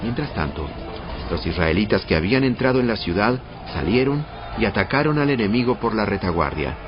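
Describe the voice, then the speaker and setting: Male narrator, low pitch, measured scripted Bible storytelling, slightly muffled recording. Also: very animated. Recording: muffled band-limited audio. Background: prominent background music.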